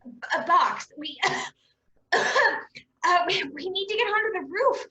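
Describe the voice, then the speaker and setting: A woman's voice: very high voice, lively intonation, takes it slowly, pushed and bright, roomy sound, far from the mic, exaggerated voice. A woman playing a sarcastic, exasperated female cop in a tabletop game. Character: stern young female cop.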